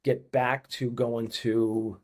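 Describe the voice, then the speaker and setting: Speaking very slowly in a level tone, this Boston-accented man in his fifties sits in as a podcast guest for a casual chat. He's a fitness coach with a medium-pitched voice who hammers his points home through repetition.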